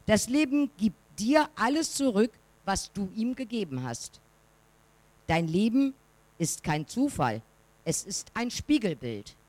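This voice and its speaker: A woman reading a short parable aloud to a church congregation in an expressive way. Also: medium pitch, a little slow. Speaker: church member reading a story. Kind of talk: read-aloud story.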